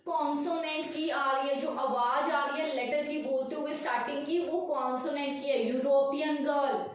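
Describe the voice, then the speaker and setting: A woman's voice: sits high, steady tone, far from the mic. A woman teaching English grammar, explaining step by step and answering her own questions. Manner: slow, deliberate English, quicker Hindi. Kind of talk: classroom grammar lesson. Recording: echoey room, voice from off the mic.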